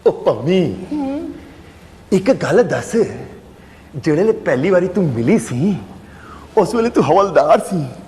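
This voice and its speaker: A man's voice: high voice, animated, takes it slowly, pauses often, darkish tone, big-room sound, a little hiss or hum. A man as a gushing turbaned organisation president. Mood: teasing. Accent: Punjabi. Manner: effusive, sighing exclamations. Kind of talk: amateur telefilm acting.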